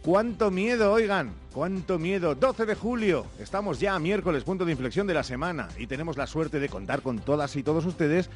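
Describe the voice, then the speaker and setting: A man's voice: a little high, expressive, fairly quick, few pauses, soft background music. A man with a Castilian Spanish accent hosting a live radio magazine show in a playful, teasing, theatrical manner. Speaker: radio host.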